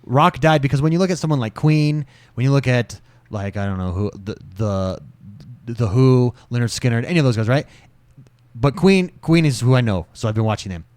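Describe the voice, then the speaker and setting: Young male podcast co-host, mid-pitched, jokey and opinionated, dry close mic. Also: normal speed, darkish tone, dry recording. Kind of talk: casual chat.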